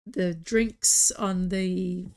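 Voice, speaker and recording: A woman's voice: on the low side, fairly even intonation, extremely slow, darkish tone. A woman hosting a live online stream, chatty and encouraging as she cheers competitors on. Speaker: host.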